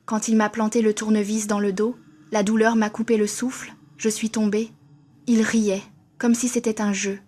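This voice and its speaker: A woman's voice: a little high, a little mellow. A woman narrating a first-person horror story in a tense, scripted way.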